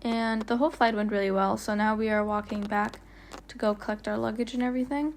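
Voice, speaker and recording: A mid-range, fairly evenly intoned female voice moves along fairly quickly, with slight background noise. As a vlogger, she rambles chattily through a travel voiceover made off location, full of fillers and the odd verbal stumble.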